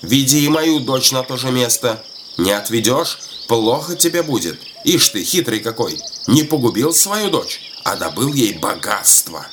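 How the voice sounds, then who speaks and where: A man voicing a grumpy old peasant woman in a folk tale, shrill and scolding. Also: measured pace, hardly any pauses, noisy background, close to an everyday voice.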